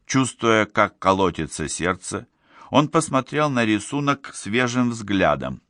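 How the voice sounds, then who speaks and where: A man narrating an audiobook in a steady, measured storytelling manner. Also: on the low side, no echo, studio quality. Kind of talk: scripted narration.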